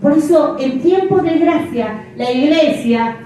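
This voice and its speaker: A woman's voice: high-pitched, animated, a little slow, dark tone, soft background music. A middle-aged woman pastor preaching a sermon, emphatic and repeating phrases for effect. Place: church. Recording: echoey church from far off.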